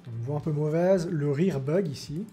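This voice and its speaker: Mellow male tech video host. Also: a little high, normal speed, faint music behind. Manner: explanatory, many fillers. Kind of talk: casual tech demo.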